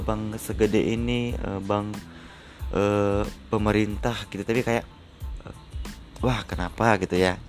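A young man, chatting to his viewers in a loose, filler-heavy way. His voice sits low and has a gravelly fry. Soft music plays quietly behind him. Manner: chatty, slangy, frequent fillers. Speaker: vlogger. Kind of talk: casual storytelling to viewers.

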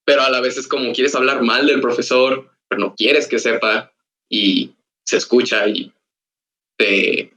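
A young man from Mexico talking in a relaxed, thoughtful way as a podcast guest. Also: mid-range voice, unhurried. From Ciudad Victoria, Mexico. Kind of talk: casual podcast chat.

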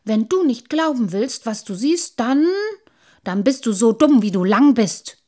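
A woman's voice: a little high, animated, normal speed, a little mellow, voice pushed up. A woman voicing a cheeky little male water sprite, bold and teasing. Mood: taunting. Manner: pert, defiant, teasing.

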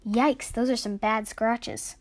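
A woman's voice: on the high side, steady tone, slow pace, no room sound. A woman voicing a little boy who speaks in a plain, matter-of-fact way.

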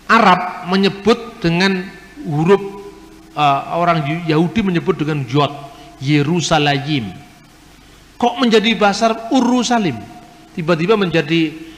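A man's voice: high voice, fairly bright tone. A man lecturing at a question-and-answer session, explaining word sounds with rhetorical questions and spelled-out letters. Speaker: speaker at a Q&A. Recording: long hall reverb.

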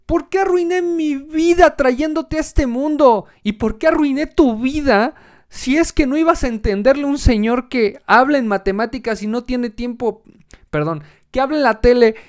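A man voicing a frazzled parent ranting at their child in a shrill, exasperated, profane voice.

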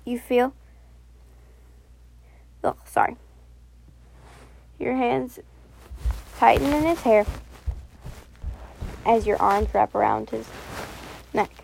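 A woman narrating a second-person audio story in a soft, unhurried read, now and then correcting herself. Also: on the high side, vocal fry, slight background noise.

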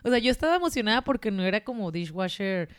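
A young woman with a Mexican accent tells stories in easy casual chat and slips into the voices of the people she quotes. Her voice is smooth and clear, of middling pitch. The sound is dry and close. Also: fast, no room sound. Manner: animated storyteller acting out quoted voices.

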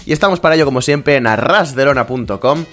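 A man's voice: mid-range voice, fast, a bit bright, faint music behind. A young man from hosting a casual podcast, joking and rambling, laughing often. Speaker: podcast host.

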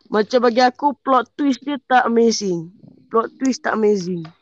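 A man's voice: very high-pitched, animated, moderate pace, dry recording, dull audio. A young man with a Malaysian accent chatting casually and bluntly, mixing in English and repeating his phrases. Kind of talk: casual chat with English mixed in.

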